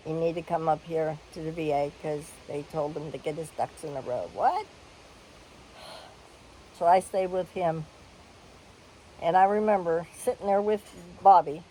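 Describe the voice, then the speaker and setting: A woman's voice: lowish voice, mellow, slight background noise, rough recording. An older woman telling a personal story in a candid, blunt way, with the odd cough and sigh.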